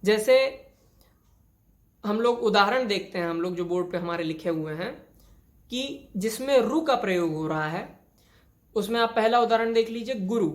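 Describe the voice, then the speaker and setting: A woman teaching a classroom grammar lesson. She lays out each rule slowly and repeats it with one example after another, in a voice of medium pitch. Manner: explains step by step with many examples and repeats rules. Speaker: Hindi teacher.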